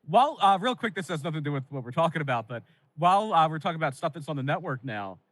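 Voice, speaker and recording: This is a Pennsylvania man co-hosting a casual wrestling podcast, rambling through nostalgic stories packed with fillers. His voice sits fairly high with big pitch swings, comes out rapid-fire with a fairly bright tone, and the poor-quality audio has no room sound.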